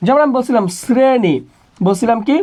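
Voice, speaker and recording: A man's voice: high voice, a little fast, a little mellow. A young man, tutoring students for an admission exam. He asks each question again and again and answers it himself, dropping English words into his speech. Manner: repeats each question and answers it himself in a call-and-response drill. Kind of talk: online exam-prep lesson.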